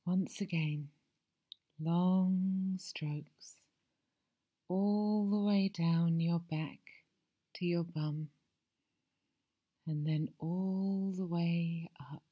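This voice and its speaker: Breathy, slow-whispering woman, ASMR roleplay. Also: lowish voice, fairly even intonation. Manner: soft, slow, soothing, often whispered. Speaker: masseuse in a roleplay.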